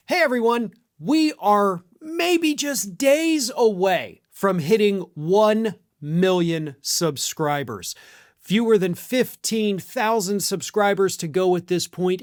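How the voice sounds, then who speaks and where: Recorded at studio quality with no echo, a high-sitting male voice belongs to an American political commentator and channel host. He gives opinionated news commentary emphatically, sarcastically and colloquially.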